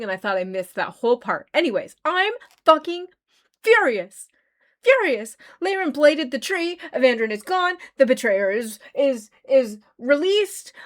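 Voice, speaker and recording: A slightly high-voiced woman chats straight to her viewers after watching an episode. She is emphatic and emotional, swears freely and repeats lines over and over. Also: a bit bright. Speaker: reaction video host. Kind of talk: casual chat reacting to an episode.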